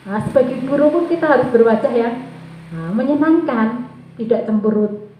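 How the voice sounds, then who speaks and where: A woman who teaches kindergarten gives an informal presentation to fellow teachers in a warm, coaxing way, pausing often on filler sounds. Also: on the high side, a little hiss or hum. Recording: tinny and echoey.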